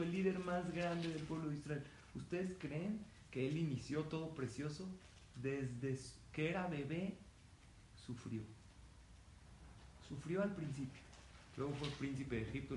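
Guy giving a religious talk, bit high voice, lively storyteller asking the crowd questions, echoey hall. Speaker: rabbi lecturer. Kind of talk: religious lecture to an audience. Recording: roomy hall with faint noise.

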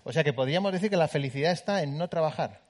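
A man co-presenting at a book talk, joking and teasing in a playful, quick way. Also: on the high side, expressive. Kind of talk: joking stage conversation.

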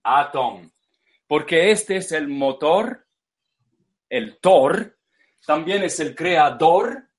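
A man whose first language is English, lecturing slowly in a second language, repeating words and searching for terms as he explains. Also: fairly high pitch, expressive.

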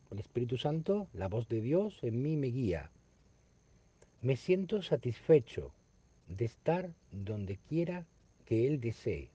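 A man, reading a spiritual text aloud and explaining it in an unhurried, reflective way that repeats phrases. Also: medium pitch, dark tone, husky. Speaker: spiritual study teacher. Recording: dull lo-fi recording.

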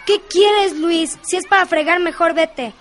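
A woman's voice: extremely high pitch, a little slow, faint music behind. A woman playing a frank, down-to-earth teenage girl in an educational radio drama.

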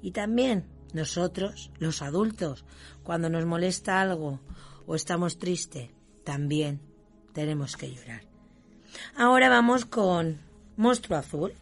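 A woman storyteller reads children's tales aloud with an expressive delivery and speaks directly to her listeners. Her pace is slow and her voice gravelly, with faint music in the background. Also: on the low side. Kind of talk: reading children's stories aloud.

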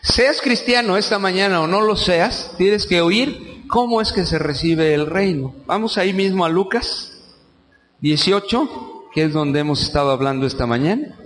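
A man with a Mexican accent preaching a sermon as pastor, animated and firing questions at the congregation. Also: high-pitched, normal speed. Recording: echoey church hall.

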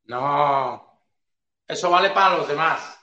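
A man's voice: fairly high pitch, slow pace, bright, forceful tone, roomy sound, dull audio. A man hosting a political commentary livestream, talking in a sarcastic, mocking way and addressing his target directly. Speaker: stream host.

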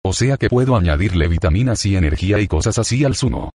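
A man's voice: lowish voice, animated, fast talker, darkish tone, breathy edge, no echo, studio quality. A man reading the lines of a cocky young pick-up artist, playful but plainly read.

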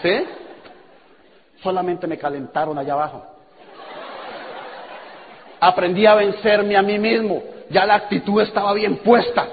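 A man's voice: high voice, unhurried, pauses often, a faint crowd. A man telling a story to a seminar audience in an auditorium, acting out dialogue and laughing often. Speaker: speaker at a business seminar. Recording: echoey hall over a tinny, noisy line.

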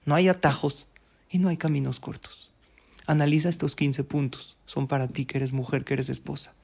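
Gravelly man giving marriage advice. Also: on the high side, level tone, normal speed, darkish tone. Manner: instructive, emphatic, full of rhetorical questions. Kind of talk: direct-to-camera advice talk.

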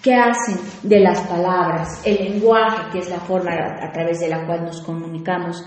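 A woman's voice: on the low side, fairly even intonation, normal speed, very echoey. A woman hosting a radio talk show on personal growth, speaking reflectively and asking her listeners questions.

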